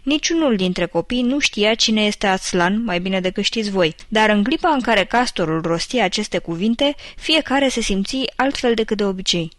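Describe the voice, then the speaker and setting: A woman narrating an audiobook in an even, measured storytelling voice. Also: mid-range voice, no echo. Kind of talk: scripted narration.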